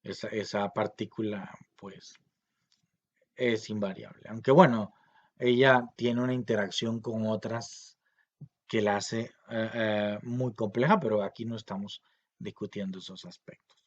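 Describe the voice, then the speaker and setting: A man giving a recorded grammar lesson, explaining patiently with many fillers and slowly repeating example words. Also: lowish voice, steady tone, dull audio. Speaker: language teacher.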